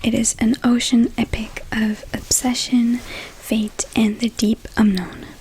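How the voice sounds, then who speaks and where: A woman in a whispered ASMR role-play as a librarian, whispering softly and a little hesitantly as if to a visitor in a library. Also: on the high side, flat delivery, slow pace, slight background noise, poor audio. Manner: soft whispering, hesitant, gently attentive to an imagined visitor.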